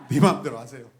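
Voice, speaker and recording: A male pastor with a Gwangju accent and a rather high voice delivers a lively sermon. He moves from soft asides to laughter to sudden shouts directed at the congregation.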